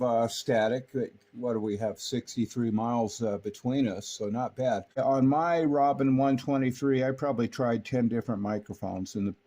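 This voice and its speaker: A radio repairer who hosts videos talks casually about repair work and products in a folksy, chatty way. His voice sits at medium pitch with a dark tone.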